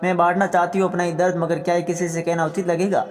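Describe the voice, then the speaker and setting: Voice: mid-range voice, flat delivery, quick pace, lightly acted. A narrator reading the letter of a young wife who is hurt and longing for her husband. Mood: sorrowful. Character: grieving young wife writing a love letter. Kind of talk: scripted story narration. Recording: long hall reverb.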